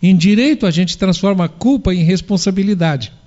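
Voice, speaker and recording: A man's voice: high-pitched, a little fast, darkish tone. A man giving a spiritual sermon, posing rhetorical questions and answering them himself. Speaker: spiritual lecturer. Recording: dull lo-fi recording.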